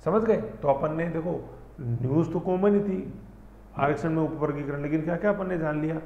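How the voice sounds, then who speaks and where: A male teacher with a slightly high, somewhat mellow voice gives an exam-prep lesson, chatting conversationally and constantly checking in with "thik hai." He spells out pronunciation slowly, syllable by syllable. The room recording is echoey, with long reverb, a muffled lo-fi sound and a slight hiss or hum.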